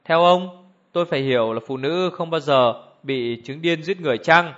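A man reads a stern elderly judge whose voice stays cold and exact. He sits slightly high in pitch and never hurries. The recording is dull and lo-fi. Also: a bit bright, lightly acted. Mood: cold, deliberate. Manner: measured, icy authority.

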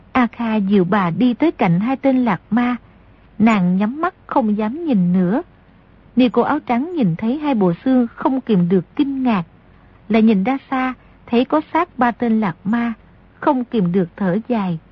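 A woman narrates an audiobook in a very husky, breathy voice that sits a little high. She reads with steady storytelling. The recording is dry and slightly lo-fi. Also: normal speed, dry recording. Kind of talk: scripted narration.

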